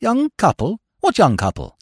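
Male reader plays an excitable young gentleman, high and agitated. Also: moderate pace, slightly rough, no room sound, studio quality, heavily acted. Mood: agitated, sulky.

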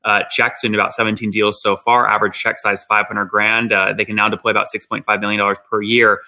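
A male host runs a business interview at a fast clip, with a lowish, bright voice. His delivery stays flat and clipped as he recaps figures. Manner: brisk, clipped, summarizing numbers. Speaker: podcast host. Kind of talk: business interview, quick questions.

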